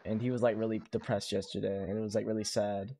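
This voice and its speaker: A man's voice: on the low side, flat delivery, fast talker, warm tone. A young man hosting a casual podcast with friends, rambling with lots of filler words and frequent laughs. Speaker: podcast host. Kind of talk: casual chat among friends.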